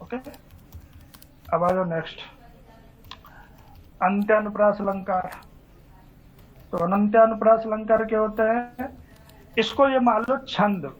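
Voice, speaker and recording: Man drilling a class, dull lo-fi recording. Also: sits high. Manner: questions students and answers himself, repetitive drilling. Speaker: teacher. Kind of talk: classroom lecture on Hindi grammar.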